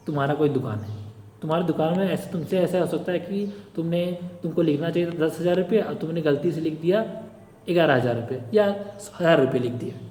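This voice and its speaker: Guy tutoring for an exam, kinda high mellow voice, explains step by step, echoey room. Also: slight background noise. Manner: explains with repeated checks and everyday examples. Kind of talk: informal screen-share lecture. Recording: echoey room with long reverb.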